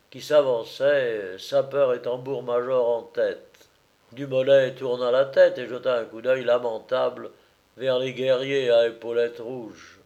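Male narrator for a lively audiobook reading of a children's novel. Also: mid-range voice, highs cut off.

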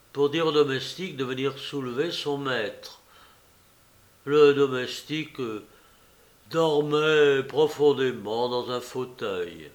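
Slow, deliberate male storyteller. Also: mid-range voice. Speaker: audiobook reader. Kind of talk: audiobook narration.

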